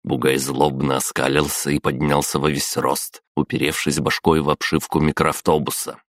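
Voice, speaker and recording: A man narrating an audiobook in a steady, matter-of-fact storytelling manner. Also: a bass voice, normal speed, no room sound, studio quality. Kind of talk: scripted narration.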